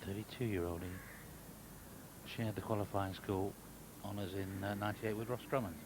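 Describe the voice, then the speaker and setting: Low-voiced male golf commentator in heavy noise. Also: steady tone, normal speed. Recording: very noisy outdoor broadcast sound.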